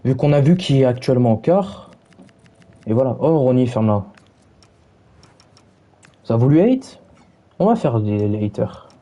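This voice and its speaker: A man's voice: mid-range voice, sing-song, normal speed, long pauses, dark tone. Brash, mocking young man streamer. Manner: mocking, taunting chat, brash slang. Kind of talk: casual stream chat.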